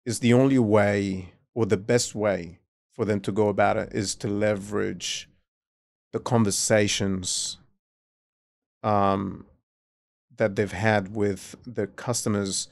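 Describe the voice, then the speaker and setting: A man hosts a podcast in a casual interview chat, speaking with a non-native accent in a lowish, darkish voice with vocal fry, fairly even intonation, and a slightly slow pace. He asks probing questions and often replies with short affirmations. The studio-quality recording has no room sound.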